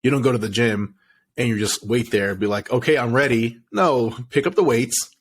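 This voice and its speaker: A young adult man co-hosting a casual podcast, giving blunt, animated advice and acting out people's inner thoughts. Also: mid-range voice, normal speed, slightly rough. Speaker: podcast co-host.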